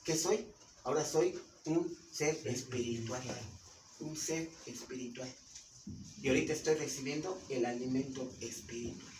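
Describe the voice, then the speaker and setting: A man's voice: medium pitch, normal speed. A man with a Mexican Spanish accent, preaching as pastor and quizzing his congregation with questions as he teaches. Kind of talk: sermon. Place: church hall. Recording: roomy, distant mic with some noise.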